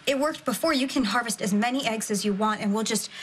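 An actress playing an anxious, insistent young wife in a television soap opera, urgent and pleading. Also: female voice, on the high side, fast, a little hiss or hum, close to an everyday voice. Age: young adult. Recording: loud background music under dialogue.

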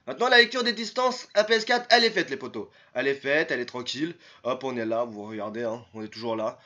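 On lo-fi audio, a young French-accented man talks fast in a medium-pitched, sharp voice while walking viewers through a casual screen-recorded tutorial. He rambles and repeats himself, keeps calling them "les potos," restarts a lot, and says "hop."

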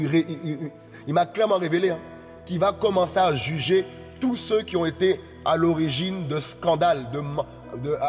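A man's voice: on the high side, big-room sound. A man preaching a sermon, exhorting his listeners in a repetitive, singsong cadence.

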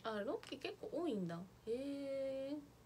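A woman's voice: high-pitched, expressive, a little slow, a little mellow, slight background noise. A young woman chatting casually on a livestream, reading out viewer comments and thanking them as she goes. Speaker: idol livestreamer.

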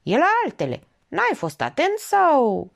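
A woman's voice: sits high, huge pitch swings, creaky, pitched above the performer's own voice, exaggerated voice. A woman voicing an agitated, prim male schoolteacher who answers indignantly, in an audiobook.

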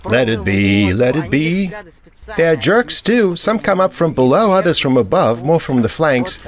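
A man's voice: on the high side, sing-song, a little slow. A man speaking an English documentary dub voice-over in a plain conversational way, retelling field stories. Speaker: voice-over dubber.

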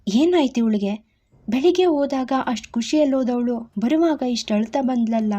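A woman voicing a gentle, worried middle-aged mother who gives soft, coaxing advice. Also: on the high side, normal speed, natural voice.

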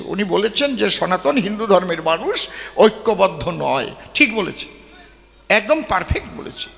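A man's voice: high-pitched, creaky, a bit bright. A male folk poet-singer giving a rhetorical stage speech on an open-air stage, often throwing questions at the audience. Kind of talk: stage debate speech with rhymes and verses. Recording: long hall-like reverb.

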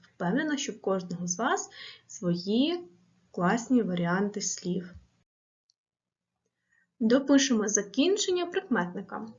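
Woman teacher doing a kids grammar lesson, slow careful drills, kinda dull lo-fi sound. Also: mid-range voice, big pitch swings, darkish tone. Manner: slow, clear, deliberate dictation with question-and-answer drills. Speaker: primary school teacher. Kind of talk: video grammar lesson for children.

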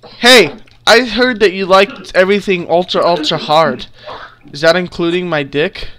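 A man voicing a rude, aggressive male suspect in online game role-play, loud and swearing. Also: high voice, measured pace. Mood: taunting.

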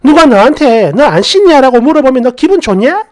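A woman voicing a furious, yelling middle-aged sister-in-law in a narrated story. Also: sits high, very animated, fairly quick. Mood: yelling angrily. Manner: yelling, scolding.

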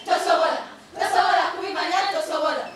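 A woman in a youth poetry troupe, declaiming in quick, emphatic call-and-response in a large church hall. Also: very high-pitched, steady tone, a loud crowd, heavy background noise. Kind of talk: choral poetry recitation. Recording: echoey hall, mic far off.

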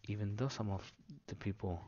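A man explaining things simply for children, unscripted, in short halting phrases with pauses, on a dull lo-fi recording. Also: lowish voice, mellow. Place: indoors at a table.

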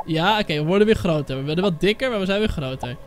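A man giving excitable let's-play commentary, yelping and cheering, with English swear words thrown into his talk. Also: sits high, fast, faint music behind. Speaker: gaming YouTuber.

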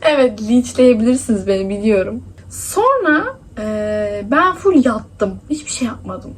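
A woman's voice: fairly high pitch, expressive, unhurried, a little hiss or hum. A young woman from Adana chatting casually in a daily vlog, complaining and laughing as she goes. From Adana, Turkey. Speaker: vlogger. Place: indoors at home, then outdoors in hot streets.

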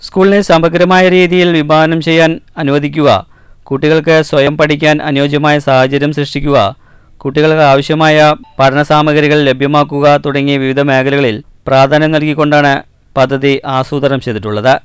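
A male news reporter from Kerala reading a scripted voice-over in a measured, formal way. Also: a little high, fairly even intonation, smooth, dry recording, clean studio sound. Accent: Malayalam, Kerala. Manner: measured formal reading, drops at sign-offs.

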